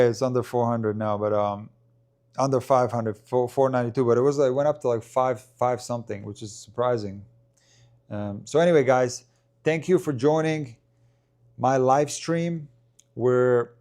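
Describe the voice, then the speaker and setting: Man, mid pitch, casual live-stream host, rambling, filler-heavy, chatty. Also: moderate pace, a little mellow. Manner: loose and rambling, many ums and restarts, answers viewer questions. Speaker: tennis coach and live-stream commentator.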